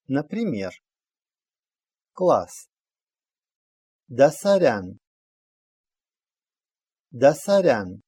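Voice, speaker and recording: Slow, husky male language teacher. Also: medium pitch, a little mellow, no echo, clean studio sound. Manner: deliberate, spells out single sounds and repeats each example. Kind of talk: slow pronunciation lesson.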